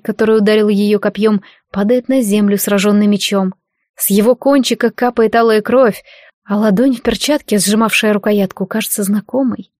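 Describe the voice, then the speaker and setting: Audiobook narrator: woman, mid-pitched, steady and even, close mic, dry room. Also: no room sound. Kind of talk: scripted narration.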